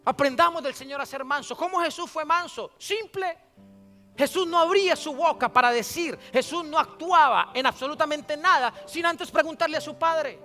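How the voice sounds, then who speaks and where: A man's voice: extremely high pitch, moderate pace, sharp tone. A male pastor preaching a sermon. He tells a personal story and quotes the dialogue in it. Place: church sanctuary. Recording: long church reverb with faint instrument music.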